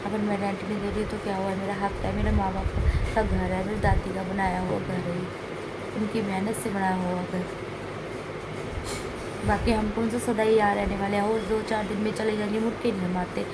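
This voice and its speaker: Woman vlogging at home, flat delivery. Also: mid-range voice, brisk. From India. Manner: plain, complaining, straight-talking. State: unwell, in pain. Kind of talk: casual home vlog talk. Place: home room with air conditioner running. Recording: noisy room, air conditioner hum.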